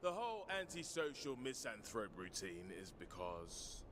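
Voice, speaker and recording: Male zombie game hero, cheeky, wry, theatrical, mock-pompous, lively intonation. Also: fairly low pitch, normal speed, slight background noise. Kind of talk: scripted video game acting.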